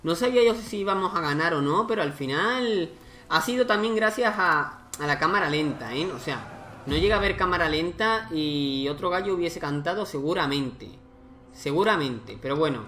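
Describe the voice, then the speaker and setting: A man's voice: fairly high pitch, expressive, moderate pace, pushed and bright, a little hiss or hum. A man giving casual let's-play commentary, thinking aloud and exclaiming as he plays a strategy game. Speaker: gaming YouTuber.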